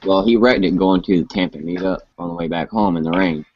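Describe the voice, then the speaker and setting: Speaking quickly in a low-pitched voice, a host in his late twenties chats loosely about motorcycles, rambling and frequently restarting. There's no room sound, but the live stream recording is muffled and lo-fi.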